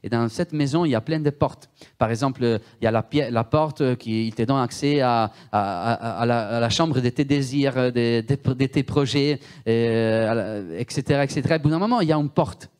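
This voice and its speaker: Delivering a French sermon, a native Italian speaker with a heavy Italian accent presses his points emphatically, repeating himself and putting questions to his audience. He has a clear, resonant, slightly mellow mid-range voice and speaks at a normal speed.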